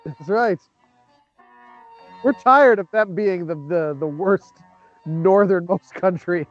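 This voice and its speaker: A man's voice: sits high, takes it slowly, lo-fi sound, faint music behind. A man co-hosting a comedy show, riffing over a film with jokes and frequent laughs. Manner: joking, laughs often. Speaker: comedy podcast co-host.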